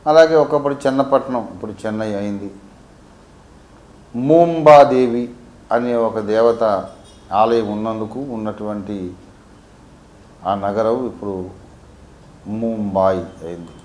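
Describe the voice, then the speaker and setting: A man's voice: on the low side, a little slow, pauses often. Emphatic man preaching, echoey room. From Warangal, India. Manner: explanatory, swings from quiet asides to emphatic peaks. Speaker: pastor. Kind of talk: Bible teaching sermon.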